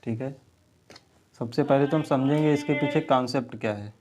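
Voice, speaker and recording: Male maths teacher, patient step-by-step explainer, mid-range pitch. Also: moderate pace, background noise. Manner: explains step by step, often checks with "ठीक है". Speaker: math teacher. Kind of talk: video lesson at a board.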